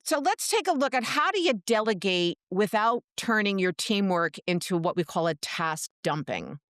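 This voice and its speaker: A woman on a podcast, chatty and storytelling, stopping and correcting herself as she goes. Her voice is smooth and clear, recorded close and dry with no room sound. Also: medium pitch, animated, normal speed, a bit bright, dry recording. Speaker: nurse practitioner podcast host. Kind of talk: casual podcast discussion.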